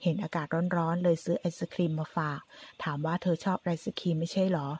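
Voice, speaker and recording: A woman reading the part of a gentle, polite young man who speaks softly. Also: on the low side, level tone, brisk, breathy edge.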